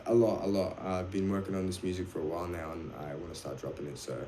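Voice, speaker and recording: A young man with an Australian accent and a low voice talks casually as a guest. He rambles, restarts his sentences and says um often. Faint hiss sits behind him on an online call. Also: fairly even intonation, fast, mellow. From Wales. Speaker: music producer guest. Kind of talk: casual chat.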